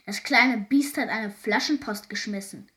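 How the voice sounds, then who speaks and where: Storybook role: a nasty, loud pirate deckhand, read by a woman, fairly high. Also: unhurried. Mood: mean. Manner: shouting. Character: nasty male pirate sailor, mean. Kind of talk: storybook reading.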